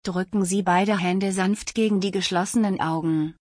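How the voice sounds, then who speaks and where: A woman calmly reading out scripted instructions for a guided relaxation exercise. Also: mid-range voice, no echo, studio quality. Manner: calm, slow, repetitive prompts.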